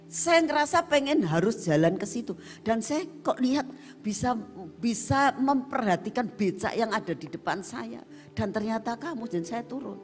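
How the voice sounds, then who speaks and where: A woman preacher voicing a kind male army officer who talks in a firm, questioning way, in a church with reverb and soft music. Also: fairly high pitch, voice pushed up.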